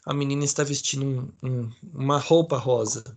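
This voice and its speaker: A man's voice: mid-range voice, steady tone, fairly quick, a little mellow. A male psychology lecturer with a Brazilian accent, reading a case aloud to an online class in a casual way, full of fillers and check-ins. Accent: Brazilian Portuguese.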